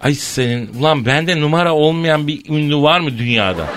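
A man's voice: fairly high pitch, animated, fairly quick, over music. A man hosting a morning radio show, chatting casually and telling long comic anecdotes. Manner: jokey storyteller, spins long anecdotes.

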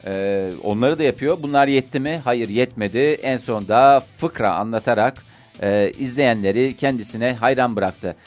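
A man co-hosting a casual morning radio show, talking through the news with many drawn-out fillers. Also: mid-range voice, faint music behind.

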